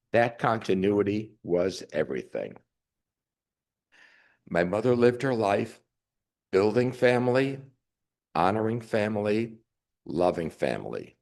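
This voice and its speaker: A man's voice: on the low side, vocal fry. A man in his sixties giving an emotional, wry eulogy for his mother at a funeral service. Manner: emotional, wry, measured delivery. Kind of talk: memorial eulogy.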